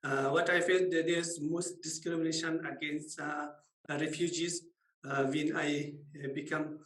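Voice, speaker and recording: A man's voice: on the high side, flat delivery, a little slow, a bit bright. Hesitant man on an echoey call. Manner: hesitant, many fillers, non-native phrasing. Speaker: guest speaker, refugee. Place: video call from home.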